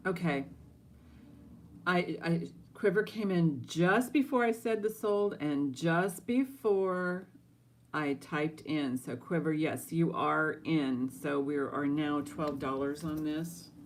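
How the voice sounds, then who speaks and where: Low-pitched, slow-talking woman hosting a live auction. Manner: chatty, addresses viewers directly, thinking aloud. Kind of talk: casual live-stream auction chat.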